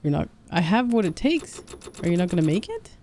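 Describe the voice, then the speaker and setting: A woman's voice: on the low side, very animated, a little fast, mellow, slight background noise. A woman streaming a video game, chatting casually and joking with her viewers. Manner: chatty, joking, often laughing. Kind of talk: casual gameplay commentary.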